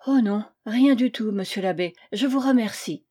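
A woman reading the part of a young woman traveling alone and in pain, speaking in a faltering, pained way with a mellow voice. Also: mid-range voice, moderate pace, lightly acted. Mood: polite, weary.

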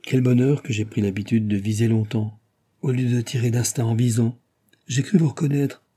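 A man voicing an excitable, swaggering musketeer captain in an audiobook, speaking loudly and animatedly. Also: medium pitch, husky, lightly acted. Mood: excited. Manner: loud, quick, animated.

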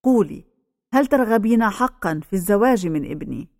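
A woman voicing an aging male village pastor who speaks slowly and solemnly. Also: mid-range voice, expressive, darkish tone, no echo, clean studio sound, natural voice. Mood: gentle.

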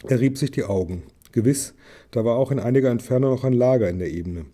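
A man reading a novel aloud in a calm, even storytelling manner. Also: mid-range voice, fast talker. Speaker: audiobook reader.

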